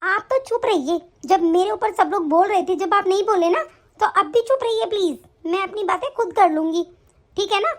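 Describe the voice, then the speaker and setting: A woman voicing a young daughter-in-law who is fed up and defiant, in an animated story, with a sharp, scolding delivery. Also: very high voice, moderate pace. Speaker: voice actor.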